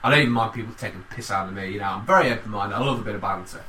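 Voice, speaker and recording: A man in casual banter, rambling and animated and swearing often. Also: fairly low pitch, rapid-fire, far from the mic, slight background noise. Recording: echoey room, off-mic, faint ambience.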